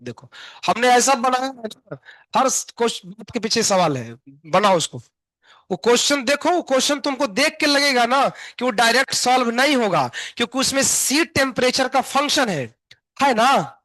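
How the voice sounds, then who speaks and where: A man's voice: very high-pitched, lively intonation, moderate pace, bright, forceful tone, no room sound, rough recording. A man teaching a live online class, chatty and teasing his students while mixing English terms into his explanations.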